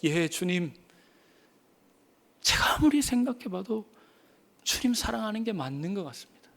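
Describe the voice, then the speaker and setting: A man voicing a humble, ashamed male disciple who answers in a quiet, hesitant way. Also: very high voice, expressive, a little slow, vocal fry, voice pushed up, heavily acted. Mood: sheepish.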